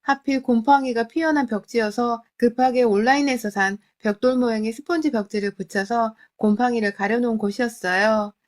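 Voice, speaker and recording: Woman narrating a dramatic true-life story. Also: a little high. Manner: emotional, confiding first-person telling.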